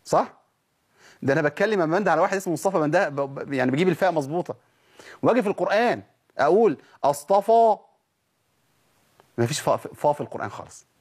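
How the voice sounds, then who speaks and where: A man with an Egyptian accent gives a tajweed lesson at a brisk clip. His voice sits a little high for a man. He keeps stopping to sound out letters aloud, showing the right and the wrong way to say them. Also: lively intonation, breathy edge. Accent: Egyptian Arabic. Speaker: Quran recitation teacher.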